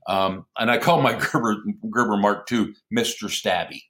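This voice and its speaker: A middle-aged man, a former airman, telling lively anecdotes in a casual conversation and chuckling often. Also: fairly low pitch, moderate pace. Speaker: podcast guest, former military airman.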